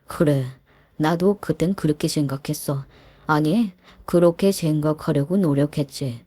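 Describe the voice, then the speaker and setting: Woman doing a quiet wounded middle-aged man. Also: sits low, husky, dry recording, voice pushed down. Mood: cold resolve. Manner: quiet, firm, measured. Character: calm, deeply hurt middle-aged man, bullying victim. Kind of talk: story narration with acted dialogue.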